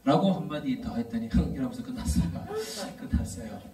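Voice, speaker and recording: A man's voice: mid-range voice, animated, fairly quick, dark tone, far from the mic. A man in his thirties preaching to a youth service. He tells stories and builds up to emphatic, repeated questions. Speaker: youth pastor. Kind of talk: sermon. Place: church worship hall. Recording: echoey room, voice from off mic.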